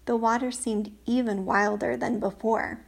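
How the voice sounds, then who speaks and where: Slow gravelly woman reading a storybook. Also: fairly high pitch, steady tone. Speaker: audiobook reader. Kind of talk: storybook narration.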